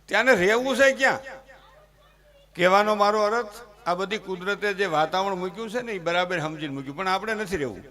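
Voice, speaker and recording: A man's voice: high voice, fairly quick, pushed and bright. A man from Gujarat, performing live comic folk storytelling and swinging from punchlines to earnest, preachy appeals. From Gujarat, India.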